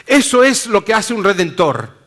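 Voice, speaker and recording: A man pastor preaching a sermon in slow, deliberate phrases, dropping low and soft at the ends. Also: big pitch swings.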